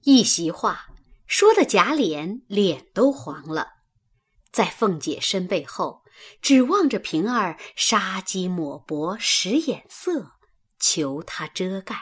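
A woman narrating a classic novel in a slow, measured storytelling manner. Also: mid-range voice, big pitch swings, breathy edge.

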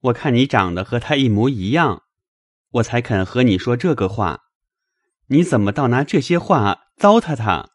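A man's voice: medium pitch, lively intonation, normal speed, no echo, clean studio sound, lightly acted. A man voicing a dreamy, infatuated young nobleman who talks in eager, pleading bursts. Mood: urgent.

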